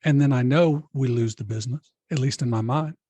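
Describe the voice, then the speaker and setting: A middle-aged man with a somewhat husky voice tells a story from his own past as a podcast guest. He speaks earnestly and keeps turning to the host by name. The recording sounds dry and close. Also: medium pitch, a little fast, warm tone, dry recording. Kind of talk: storytelling in an interview.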